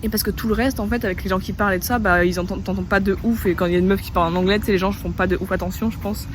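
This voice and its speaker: A woman's voice: mid-range voice, fairly even intonation, rapid-fire, noisy background. A young woman from France talking to her phone in a casual travel vlog, chatty and self-mocking, with lots of fillers. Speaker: travel vlogger. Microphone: phone held by hand.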